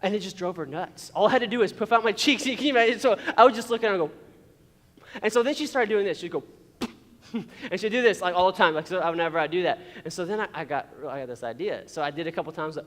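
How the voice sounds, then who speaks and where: A youth pastor telling stories in a casual, chatty sermon, laughing often and checking in with "okay?". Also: male voice, high voice, fast, a bit bright. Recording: long hall reverb.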